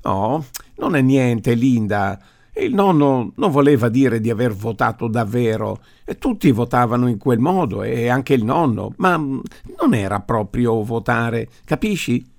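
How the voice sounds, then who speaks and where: A man voicing a brisk, anxious mother. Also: mid-range voice, expressive, vocal fry. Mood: placating. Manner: hurried, placating.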